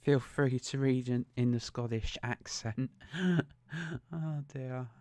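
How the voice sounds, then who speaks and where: A man's voice: medium pitch, slow, no echo. A man live-streaming a novel reading, chatting easily with viewers by name between passages. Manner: greets viewers by name, easygoing and amused. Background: soft suspense music.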